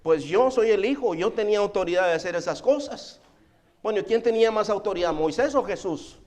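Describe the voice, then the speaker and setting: Pastor, man, high voice, emphatic sermon, calls folks brother. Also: animated, a little fast, a little mellow. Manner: emphatic, repeatedly addresses listeners as brother.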